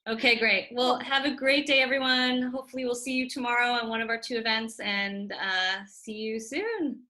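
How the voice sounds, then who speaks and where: A woman's voice: on the high side, normal speed, pushed and bright. A woman hosting an online talk over a video call, chatty and upbeat, announcing events and reading out audience comments. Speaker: webinar host.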